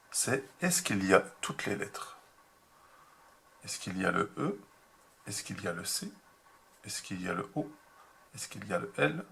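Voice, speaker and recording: A man teaching a remote handwriting lesson to young children, slow and patient, spelling out each step. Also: fairly low pitch, creaky, bright, forceful tone, slightly rough. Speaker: kindergarten teacher.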